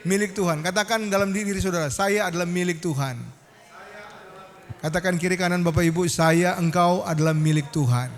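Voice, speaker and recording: A man with a high, bright-edged voice preaches a storytelling sermon from the pulpit, turning again and again to the congregation to draw a response. His voice rings through a church hall with a long, trailing reverb. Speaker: pastor. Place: church sanctuary.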